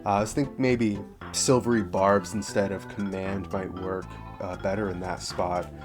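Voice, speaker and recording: A man's voice: low-pitched, little pitch movement, moderate pace, over music. A man casually reviewing homebrew tabletop rules, thinking aloud and repeating himself as he goes. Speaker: tabletop game content creator.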